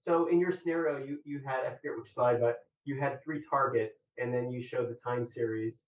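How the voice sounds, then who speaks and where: A man on a thin, phone-like remote connection, distant and full of echo. His pitch is average, and he puts technical questions as an examiner in a halting, measured, collegial way. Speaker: examiner questioning a thesis candidate.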